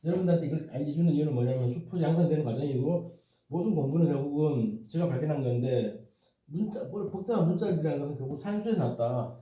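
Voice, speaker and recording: A man's voice: a little high, fast talker, warm tone. Man teaching math in an echoey room. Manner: rambling, self-deprecating, repeats "이렇게" and "그죠?". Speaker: math tutor. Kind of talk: casual explanatory lesson. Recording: echoey, dull, distant mic.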